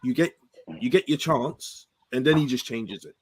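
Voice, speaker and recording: A man gives casual football opinions as a show panellist. The sound is close and dry, with a mid-range pitch. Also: normal speed, breathy edge, no room sound.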